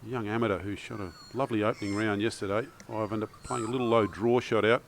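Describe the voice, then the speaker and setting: A man's voice: on the low side, steady tone, fast talker, a little hiss or hum. A man with an Australian accent giving golf commentary.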